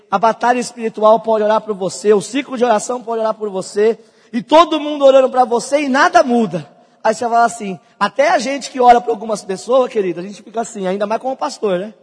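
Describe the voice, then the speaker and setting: A young pastor preaches a sermon in a very high, husky voice. His delivery swings between soft, close asides and loud, ringing calls. It is all heard through the long echo of a big hall. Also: brisk. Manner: preaching with swells from quiet to loud.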